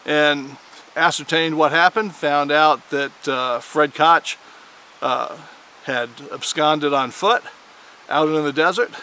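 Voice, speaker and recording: Bright-voiced man telling a folksy story. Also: on the high side, slow pace, slight background noise. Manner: animated storyteller, with dramatic shouted quotes. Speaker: firearms video host.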